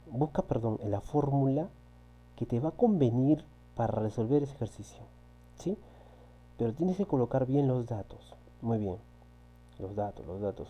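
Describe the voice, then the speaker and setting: This recorded online physics class, with a faint electrical hum and low-quality audio, features a man with a medium-pitched, dark-toned voice walking through exercises. He is patient, repeating key points and frequently checking with students.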